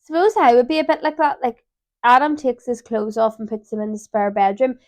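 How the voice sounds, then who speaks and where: A woman, co-hosting a casual chat show, quick to agree and tease. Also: a little high, no room sound, clean studio sound. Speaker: podcast co-host.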